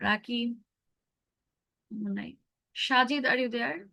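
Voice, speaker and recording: A woman's voice: fairly high pitch, drawn-out words, gravelly, pushed and bright, low-quality recording. A woman teacher giving direct, corrective feedback on a student's English speaking in an online class.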